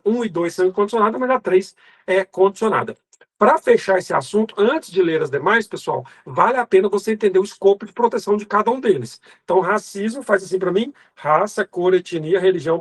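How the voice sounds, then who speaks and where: A Brazilian law exam prep teacher gives an exam review lecture in a high voice with a breathy edge. He is emphatic and didactic, drilling lists through repetition and addressing the student directly in a colloquial way.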